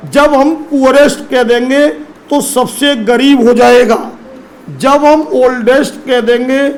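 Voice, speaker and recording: High-voiced male teacher, slow and coaxing. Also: low-quality recording. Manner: addresses students as children, asks them questions. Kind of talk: classroom lesson on English grammar.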